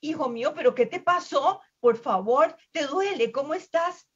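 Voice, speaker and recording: A woman's voice: sits high, expressive, quick pace, warm tone, muffled recording, pitched above the performer's own voice. A woman voicing a worried, doting mother manatee who fusses anxiously. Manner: fretful, fussing.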